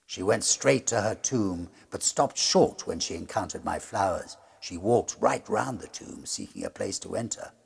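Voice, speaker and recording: A middle-aged man with a husky, gravelly voice narrates a gothic ghost story in a measured, suspenseful, theatrical style. His voice sits low and is very animated.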